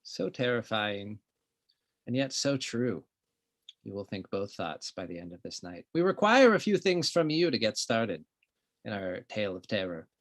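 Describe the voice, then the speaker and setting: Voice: mid-range voice, big pitch swings, normal speed. A performer playing an ominous, grandiose vintage horror narrator with dramatic, portentous delivery.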